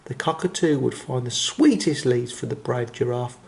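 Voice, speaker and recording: A gentle male children's storyteller. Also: mid-range voice, creaky. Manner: gentle, expressive, with slowed dramatic phrasing.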